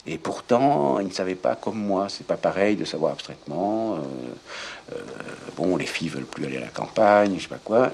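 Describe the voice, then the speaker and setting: An older man from southwest France being interviewed, talking reflectively and haltingly, restarting his sentences as he thinks aloud. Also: low voice, gravelly, slight background noise.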